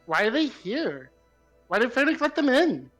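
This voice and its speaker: Man acting a concerned woman adventurer, tabletop game, high bright voice, puzzled, questioning. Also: very animated, moderate pace, soft background music, exaggerated voice.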